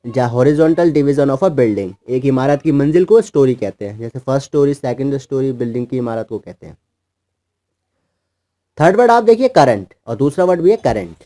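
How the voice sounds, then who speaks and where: A man with a medium-pitched, dark-toned voice teaches children English words, explaining their meanings in Hindi and patiently spelling each one out letter by letter.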